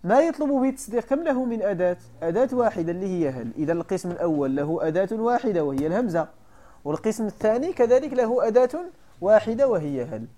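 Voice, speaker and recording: A man's voice: high-pitched, lively intonation, fast talker, warm tone. A man with a Moroccan accent, a sheikh teaching a classical text, who keeps quizzing his students and repeating the key points. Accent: Moroccan Arabic. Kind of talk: classroom lesson explaining a text.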